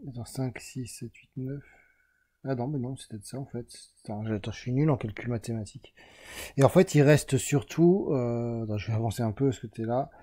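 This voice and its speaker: Husky and dark-toned, this Frenchman speaks at a medium pitch and a fairly quick clip. He's a self-help video host sketching a chart as he chats through an explanation, drifting off track and fixing his own slips.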